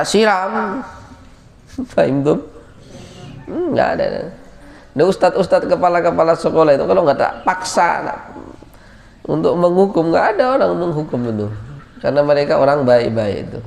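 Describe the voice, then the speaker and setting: A man gives a relaxed religious lesson as a boarding school teacher. His voice sits slightly high and has a gravelly edge. He jokes with his students and calls their names out loudly, and every word carries a long reverb tail through a big hall. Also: slight background noise. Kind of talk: casual religious lecture.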